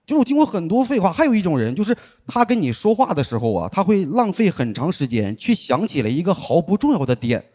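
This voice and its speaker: A man performing a stand-up comedy set on stage, telling stories in a dry deadpan way and acting out the people he quotes. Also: high voice, fast, few pauses. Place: comedy show stage with live audience. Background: audience laughter.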